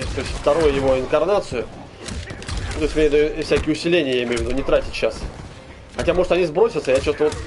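A man giving casual, colloquial commentary while he plays a video game. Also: on the high side. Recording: game noise behind the voice.

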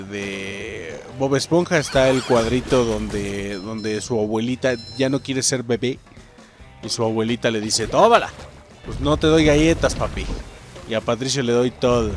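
Talking to his viewers, this gameplay commentator with a Mexican accent curses and shouts at the game in an excitable let's-play. His voice sits in the mid range.

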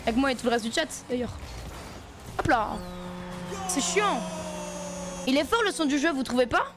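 A woman's voice: sits high, expressive, moderate pace, noisy background. A woman streaming a game, chatting loosely with her viewers in slangy talk while she plays. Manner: chatty, slangy, talks to chat while playing. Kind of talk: casual gaming stream chat.

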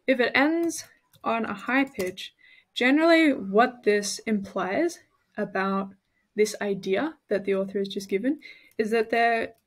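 Methodical woman tutor explaining step by step. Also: mid-range voice. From Australia. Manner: clear, methodical, demonstrates emphasis with her own voice. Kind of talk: explanatory study-tips lesson.

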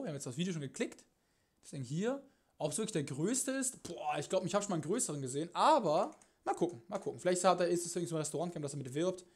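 A young man streams live from his home kitchen, slangy and crude, cursing freely as he talks. His voice sits slightly high. He drifts between low mumbling and sudden loud outbursts. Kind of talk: casual live-stream chat.

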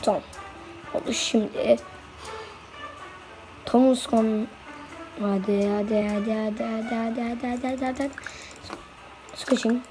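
A woman giving casual let's-play commentary, excitably chanting quick repeated commands at the game. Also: on the high side, music in the background. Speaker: gameplay video host.

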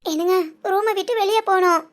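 A timid young bride, played by a woman speaks in a very high, soft voice that wavers as though tears are close. She hesitates and trails off often. The scene is a romantic audio drama. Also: fairly even intonation, brisk. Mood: worried, hesitant. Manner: hesitant, tearful, soft-spoken. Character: shy anxious young newlywed wife.

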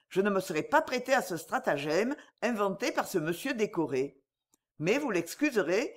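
A woman voicing a courteous, discreet male attorney in an audiobook, speaking low and confidentially.

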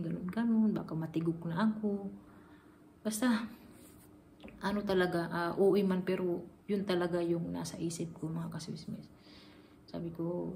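A woman's voice: lowish voice, vocal fry, warm tone, slight background noise. A woman from the Philippines telling a personal story to her viewers in an earnest, confiding way. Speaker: family vlogger.

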